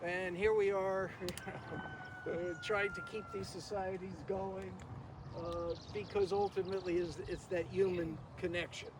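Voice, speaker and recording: Speaking in a high-sitting voice with a flat delivery, an older man offers a rambling, reminiscing tribute at an outdoor memorial gathering in a garden, halting and pausing often. The noisy audio comes from a far-off camera microphone, as no PA is working.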